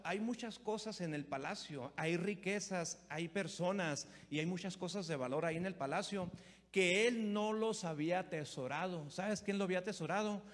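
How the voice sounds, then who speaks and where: A middle-aged man, a pastor preaching a sermon that moves from storytelling to emphatic, repetitive exhortation. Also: a little high. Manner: storytelling, rising to emphatic preaching with repeated words. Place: church hall. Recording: long hall reverb.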